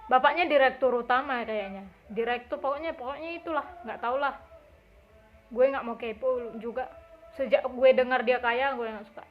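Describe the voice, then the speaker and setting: Young woman, casual vlog storyteller, high voice, animated quotes, muffled lo-fi sound. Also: moderate pace, soft background music. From Indonesia. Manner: lively, acts out quotes with raised voice. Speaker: vlogger. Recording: dull lo-fi recording.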